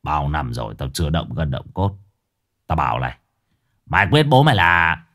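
A man voicing a brash, meddling old male ghost in a low, gruff voice. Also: big pitch swings, measured pace. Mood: menacing.

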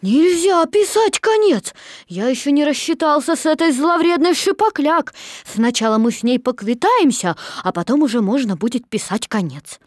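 A small furry creature, gentle and earnest, as a woman puts him on, speaks in a high voice that swoops up and down. The recording is dry and close. The delivery is eager and emphatic. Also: very animated, moderate pace, no room sound. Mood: indignant.

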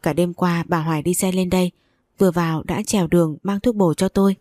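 A woman narrating a first-person audio story in a steady, even reading voice. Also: fairly low pitch, brisk, dry recording, clean studio sound.

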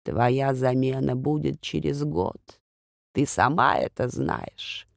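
A woman voicing an unseen old female seer whose disembodied voice speaks slowly and cryptically from the darkness, a little hoarse. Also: very deep voice, expressive, no echo, studio quality, pitched below the performer's own voice, exaggerated voice. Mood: cryptic. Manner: slow, cryptic, speaks in riddles. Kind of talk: audiobook character voice.

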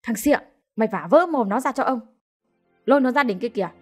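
A woman voicing an irritable, greedy old male village clerk who barks orders gruffly. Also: medium pitch, animated, a little fast, darkish tone, faint music behind, close to an everyday voice. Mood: shouting.

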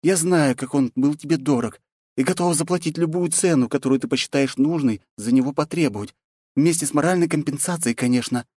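A man's voice: a little high, a little fast, warm tone, slightly rough, no room sound, clean studio sound, voice pushed up. A man reading an audiobook, voicing a serious, dutiful young woman who takes everything literally. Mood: earnest. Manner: serious and businesslike.

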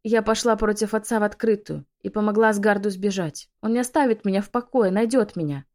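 A woman voicing a desperate young pregnant witch who pleads and shouts in a raised, loud voice. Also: medium pitch, fairly even intonation, a little fast, pitched above the performer's own voice, lightly acted. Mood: pleading.

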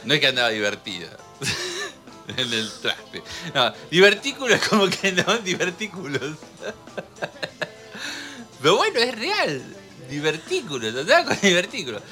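A man with an Argentine accent hosts a radio show, swinging his voice up and down as he jokes. His tone is piercingly bright and sits a little high. He laughs often while he talks. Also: wildly swooping pitch, measured pace, pauses often, faint music behind. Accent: Argentine Spanish. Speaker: radio host. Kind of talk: jokey radio talk. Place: radio studio.

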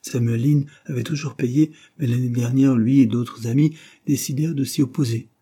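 A calm older woman offers measured comfort, voiced by a man reading a storybook. The tone is raised yet dark and mellow, with a husky grain. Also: medium pitch, pitched above the performer's own voice, lightly acted.

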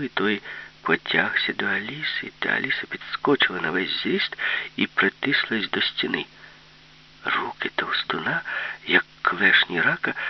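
A man reading a children's story aloud as narrator, lively and expressive. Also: deep voice, husky. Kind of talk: storybook reading, radio play. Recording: dull lo-fi radio recording.

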